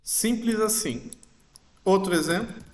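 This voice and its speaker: Slow, patient male teacher in a roomy space. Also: high voice. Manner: patient, explains step by step, frequent "ok?" check-ins. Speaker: English teacher. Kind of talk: recorded lesson explaining grammar. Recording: roomy echo.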